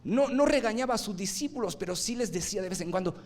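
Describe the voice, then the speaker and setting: A man preaching a sermon, swinging from loud emphatic bursts to low quiet lines and asking his listeners rhetorical questions. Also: expressive, fast talker.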